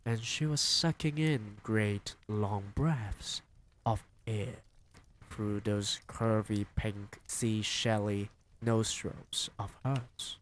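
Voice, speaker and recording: A man reading a novel aloud on a stream, with expressive, dramatic narration. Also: fairly low pitch, slow pace, slight background noise. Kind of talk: storybook reading.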